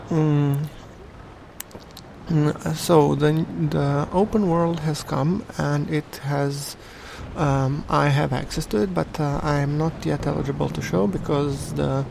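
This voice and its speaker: A man giving casual video game commentary in a halting, hesitant way, as the host of a channel. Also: fairly high pitch, steady tone, vocal fry, a little mellow, slight background noise.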